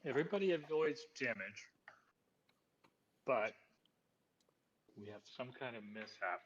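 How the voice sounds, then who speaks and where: A man's voice: medium pitch, lively intonation, unhurried. A man running a tabletop game as game master, thinking aloud hesitantly with lots of ums. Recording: dull lo-fi audio with faint noise.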